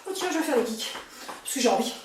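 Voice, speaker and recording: A high-voiced woman fitness instructor exercises as she coaches, puffing with effort between counts and cues. She is playful and urging, heard from far off in a very echoey room with clear noise behind her. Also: lively intonation, quick pace. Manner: exerting, breathy puffs while exercising.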